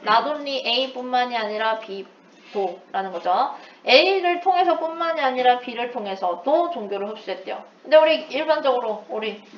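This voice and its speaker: A woman teacher gives a recorded English lesson, explaining with playful asides and mixing in English terms. Her voice is fairly high, expressive and a little slow. She's far from the mic in an echoey room, and the sound is dull and lo-fi.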